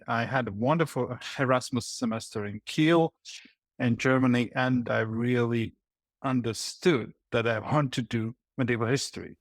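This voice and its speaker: Latvian guest historian, man in his forties, mid-pitched, dry close sound, thoughtful and halting. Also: no echo. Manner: thoughtful, halting with fillers and restarts. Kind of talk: interview answers.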